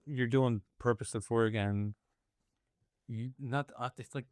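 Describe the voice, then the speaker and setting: A man joining a casual chat, putting in halting, half-finished remarks. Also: medium pitch, steady tone, a little mellow, dry recording, clean studio sound.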